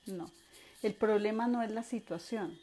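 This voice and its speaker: A woman teaching an online course in a mellow, warm voice. She speaks with lively emphasis, repeating words and acting out everyday examples. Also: medium pitch, unhurried. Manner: animated, acts out examples with repetition.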